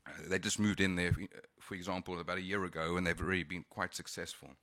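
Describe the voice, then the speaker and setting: A deep-voiced man from South Africa delivers a conference presentation fast, in a level tone that sounds pushed and bright. His accent combines Cape Town and Californian features, and his delivery is hesitant, full of fillers and restarts. The recording is dry.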